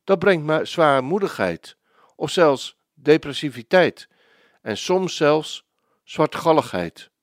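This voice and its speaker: A man preaching a devotional sermon, slow and emphatic, with dramatic pauses. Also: on the high side, big pitch swings, no echo, studio quality.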